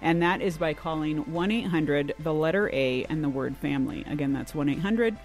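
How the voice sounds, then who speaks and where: A man's voice: a little high, moderate pace, faint music behind. A man hosting a podcast roundtable who affirms his guests and sounds upbeat. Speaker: host.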